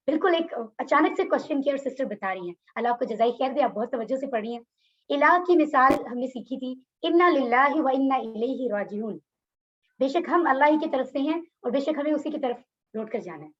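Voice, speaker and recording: High-voiced woman teaching over a call. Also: lively intonation, a little fast, highs cut off. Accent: Pakistani Urdu. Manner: explains word by word, repeats meanings, asks students questions. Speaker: Quran course teacher. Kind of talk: online class lecture. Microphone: video call.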